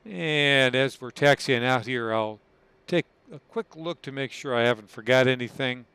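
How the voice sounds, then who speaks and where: Male flight sim lead, crisp clear tone, casually talking through his actions live and informally. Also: mid-range voice, moderate pace, pushed and bright, no room sound. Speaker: flight leader in a flight simulator. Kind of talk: casual live commentary while flying.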